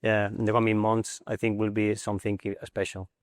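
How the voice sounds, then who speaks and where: A man's voice: fairly low pitch, monotone, a little fast, no room sound, studio quality, in a large hall. A man, an assistant coach on a panel, speaking thoughtful, hesitant English with frequent fillers. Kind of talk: panel interview on stage.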